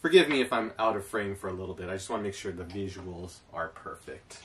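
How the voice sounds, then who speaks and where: A man performing a card trick as a magician, talking through it to camera with theatrical, drawn-out showman phrasing. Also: low-pitched, animated. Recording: distant mic, clear background noise.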